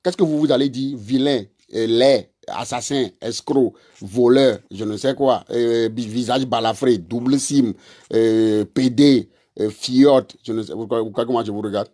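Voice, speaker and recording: A husky-voiced man. His pitch sits in the middle range. He scolds and lectures his listeners in a confrontational, repetitive monologue. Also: unhurried, warm tone. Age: 40s. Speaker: online commentator; father and husband. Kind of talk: ranting monologue to camera.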